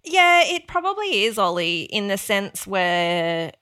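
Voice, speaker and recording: A woman's voice: mid-range voice, big pitch swings, slow pace, pushed and bright, clear, resonant tone. Matter-of-fact Australian woman guest. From Mount Isa, Queensland, Australia. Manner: open and matter-of-fact, with frequent ums and small laughs. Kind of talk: conversational podcast interview.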